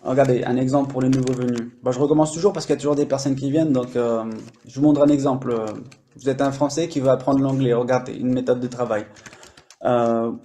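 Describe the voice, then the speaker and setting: A man's voice: mid-range voice, level tone, quick pace, dark tone, a little hiss or hum. A French-speaking man hosting a language-learning live stream, explaining casually with many fillers and restarts.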